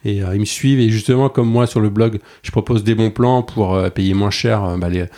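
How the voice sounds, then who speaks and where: Fast-talking man in his forties. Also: on the low side, fairly even intonation, warm tone. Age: 40s. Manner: chatty, with many restarts and fillers. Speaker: travel blogger and tour agency owner, podcast guest. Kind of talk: casual conversational interview.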